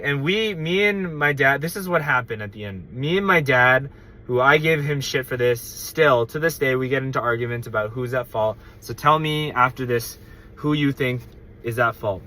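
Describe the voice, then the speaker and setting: Casting: young American guy, bright tone, animated rambling storyteller who does little voices. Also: mid-range voice. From United States. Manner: animated, acts out quoted voices; rambling with fillers and restarts. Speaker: storyteller host. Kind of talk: casual storytelling.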